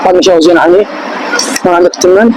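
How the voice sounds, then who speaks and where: A man's voice: high-pitched, steady tone, very fast. A man with an Iraqi Arabic accent hosting a casual street food vlog in colloquial speech with short questions and catchphrases. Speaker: food vlogger and host. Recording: noisy outdoor street with traffic.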